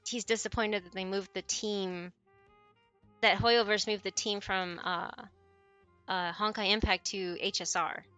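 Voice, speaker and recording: A woman's voice: mid-range voice, sharp tone, no echo. A woman in her forties, chatting casually with viewers on her stream, rambling and often correcting herself mid-sentence. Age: 40s.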